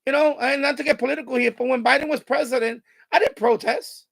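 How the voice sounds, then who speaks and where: Here the same Bronx-raised, Puerto Rico-born man in his fifties speaks quickly in a creaky voice with a thick Bronx accent. Animated and high-intensity, he gets worked up while chatting casually on his radio hobby live stream.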